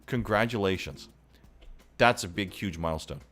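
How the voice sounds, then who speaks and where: A man's voice: low-pitched, animated, moderate pace, fairly bright tone, soft background music. A man hosting a live-stream chat show, chatty and upbeat as he greets viewers. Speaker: host.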